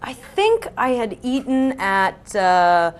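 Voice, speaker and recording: A woman in her twenties, a celebrity guest on a web talk show, telling a lively, self-deprecating comic story and acting out the voices of the people in it. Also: a little high, slow.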